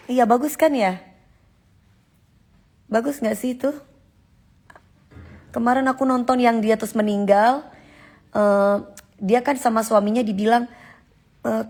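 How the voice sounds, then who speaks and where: Gravelly-voiced woman chatting on a live stream. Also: on the high side, measured pace, pauses often, darkish tone. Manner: chatty, emphatic, answers comments directly. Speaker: live-stream host reading viewer comments. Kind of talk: casual live-stream chat.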